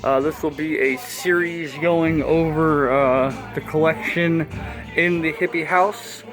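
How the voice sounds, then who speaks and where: A man in his thirties with a lisp and whistling s, giving a casual, halting video tour of his collection at home. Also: a little high, fairly even intonation, music in the background. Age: 30s. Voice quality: lisp with whistling s from new braces. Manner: halting, pauses mid-sentence. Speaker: collector presenting own collection. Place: inside a house.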